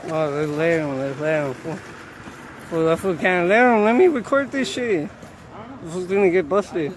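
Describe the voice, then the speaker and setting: A man loudly demanding answers while filming on his phone outdoors. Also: sits high, moderate pace, poor audio. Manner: loud, rough street talk. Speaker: bystander filming. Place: outdoor street. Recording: phone video outdoors with crowd.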